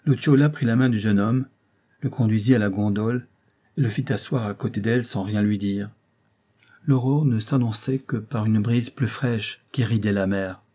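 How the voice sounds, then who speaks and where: A man reading a romantic tale aloud as an expressive audiobook narrator, lifting his voice for the dialogue. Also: on the low side, normal speed.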